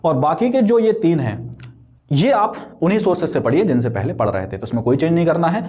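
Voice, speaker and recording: A man's voice: on the high side, big pitch swings, brisk, a little mellow. Chatty young man giving exam advice. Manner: conversational, frequent tag questions, mixes English terms into Hindi. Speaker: exam coaching vlogger. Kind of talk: casual explanatory exam advice.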